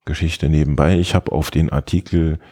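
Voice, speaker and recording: A man with a very deep, mellow voice talks through tech tips in a relaxed podcast chat. He hesitates often, filling gaps with ums as he explains step by step. His tone has a husky edge. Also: moderate pace. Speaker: podcast co-host.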